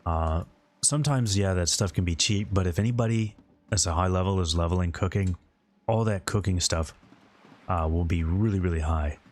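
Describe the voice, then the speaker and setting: Here a man with a low voice and moderate pace gives casual, meandering commentary on his game stream, replying to what viewers type in chat.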